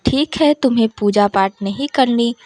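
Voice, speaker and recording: Woman voicing a calm dutiful son. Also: a little high, normal speed, no room sound, natural voice.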